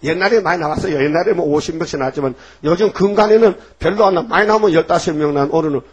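A man's voice: on the high side, rapid-fire, slightly rough, lo-fi sound. A middle-aged man with a Gyeongsang Korean accent, a pastor giving a folksy, joking, emphatic sermon at early morning prayer.

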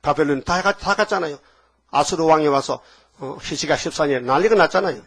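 Male preacher, somewhat high voice, emphatic sermon delivery, leads the congregation in call-and-repeat lines. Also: fairly quick, breathy edge. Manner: emphatic, asks the congregation to repeat after him; rhetorical questions, sudden swings from loud to low. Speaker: pastor.

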